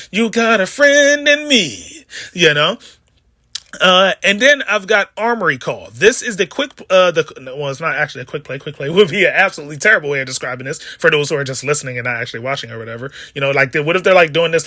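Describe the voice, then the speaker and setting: A man with a high, bright voice rambles through a casual card game deck breakdown, cracking jokes and wandering into asides. The sound is close and dry, with no room around it. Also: no room sound. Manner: rambling, chatty, jokey asides. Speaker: card game video host. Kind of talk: casual deck profile commentary.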